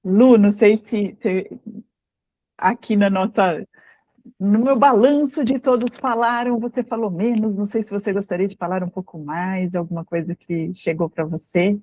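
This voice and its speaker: A woman's voice: medium pitch, fairly even intonation, normal speed, dark tone, dry recording, dull audio. A woman hosting a book club video call, guiding the group to a close in a friendly way.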